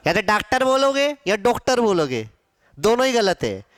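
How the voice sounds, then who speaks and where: A man teaching a Hindi class, slowly stretching and repeating syllables to drill pronunciation, and emphatically scolding students about common mistakes. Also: high voice, wildly swooping pitch, no echo, clean studio sound. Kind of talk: classroom lecture for exam students.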